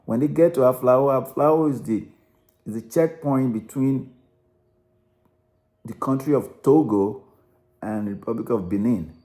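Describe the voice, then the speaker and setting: A man with a Nigerian accent and a mellow, medium-pitched voice speaks a little slowly with frequent pauses. As a narrator analysing a song, he talks through a route in loose, rambling, unscripted commentary, often restarting and repeating words.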